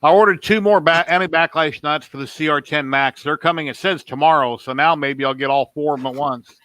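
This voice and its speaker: A man's voice: a little high, a little fast, bright, forceful tone, a little hiss or hum. A man in his fifties hosting a livestream, telling rambling stories in casual chat. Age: 50s. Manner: rambling storyteller. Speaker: livestream host.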